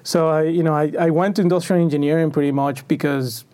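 Speaking quickly in a steady, slightly high voice that is mellow and clean, this man from Venezuela is a packaging engineer being interviewed. He responds in a reflective, chatty way, frequently restarting his sentences and filling pauses.

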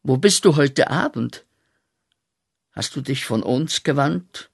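A bitter young man back from the war hurls accusations at God in a radio drama. His voice is gravelly and husky, and his delivery is slow and deliberate. He sinks to a mutter, then flares up into loud outbursts. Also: medium pitch, lively intonation, full character voice. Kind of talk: radio play acting.

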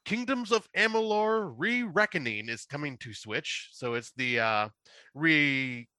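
A man's voice: on the high side, lively intonation, a little slow, bright, forceful tone, dry recording. A man co-hosting a casual podcast from Canada, chatting his way through a list of upcoming game releases. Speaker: podcast co-host.

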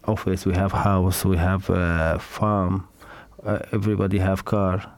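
A middle-aged Syrian man speaks in a fairly low voice, recorded dry and close. His English is halting and non-native, broken by fillers and restarts as he recounts his story. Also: little pitch movement, no echo. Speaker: interviewee, father. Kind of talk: personal testimony.

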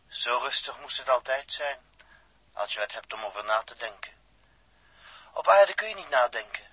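An actor playing a brooding, self-sacrificing male astronaut in a radio drama, reflective and quiet in manner. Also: medium pitch, breathy edge, no room sound, exaggerated voice, low-quality recording. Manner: reflective, quiet, grows breathless and faint. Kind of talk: vintage radio drama acting.

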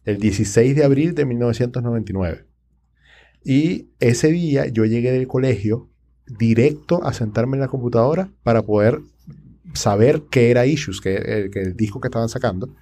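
A man's voice: medium pitch, moderate pace, mellow. A man, a podcast panelist telling a personal anecdote. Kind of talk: casual tech podcast chat.

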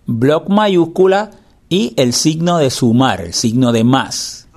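A man with a medium-pitched voice gives a hands-on software lesson. He explains step by step in a patient instructor's manner, repeating the important parts. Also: animated, takes it slowly, faint music behind. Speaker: instructor demonstrating a screen reader. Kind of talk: spoken step-by-step tutorial.

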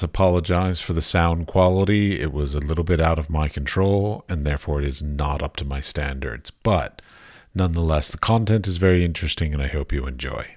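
A man's voice: low voice, no echo, studio quality. A man giving a spoken introduction to a podcast episode as its presenter.

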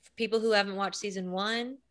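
A woman's voice: medium pitch, fairly even intonation, fairly quick, a bit bright. Female co-host, chatty and casual, full of little fillers. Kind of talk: casual chat.

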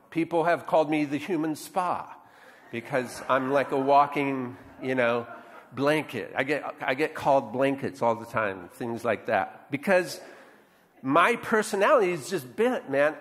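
Preaching as a pastor, this man has a medium-pitched, fairly bright voice with lively intonation and an unhurried pace, and the sound suggests a big room. He keeps things conversational, frequently tossing in "right?" to draw the congregation in.

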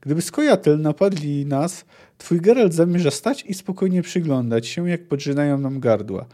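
A man reading a book aloud and voicing a gruff, blunt male dwarf who scolds and mocks a girl. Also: fairly high pitch, lively intonation, moderate pace, mellow. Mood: scolding.

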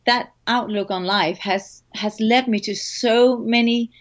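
A woman's voice: a little high, steady tone, measured pace. A woman with a Danish accent, a hypnotherapist and meditation teacher, talking reflectively in a casual interview. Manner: warm, reflective, with light laughs and fillers. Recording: dull lo-fi audio.

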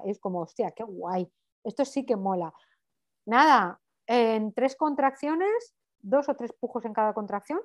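A woman's voice: a little high, no echo. Chatty Spanish woman telling a story. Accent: Spanish from Spain. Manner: lively, acts out dialogue, swears casually. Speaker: mother telling her birth story. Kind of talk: casual storytelling.

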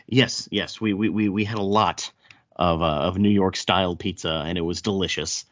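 A man's voice: low voice, steady tone, normal speed. A man with a thick Southern US accent hosting a casual podcast chat, often stammering and repeating words as he goes. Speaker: podcast host. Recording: dull, roomy echo.

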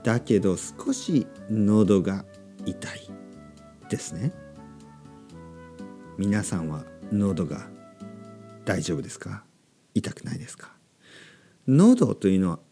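A man hosting a podcast for learners of Japanese, speaking slowly in simple words and repeating them, with a slightly sore throat. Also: lowish voice, mellow. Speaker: podcast host teaching Japanese. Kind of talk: slow, simple podcast talk for language learners.

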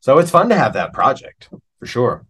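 An American man, a working musician appearing as an interview guest, speaks in a medium-pitched, fairly bright voice with a slightly rough edge. He's very animated and keeps a moderate pace, talking casually, reflectively and candidly, often informally, and he peppers his speech with "man" and "you know."

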